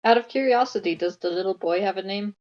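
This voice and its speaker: Female player, mid-pitched, playful and chatty, slightly dull recording. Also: fast, a little mellow. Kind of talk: casual tabletop play.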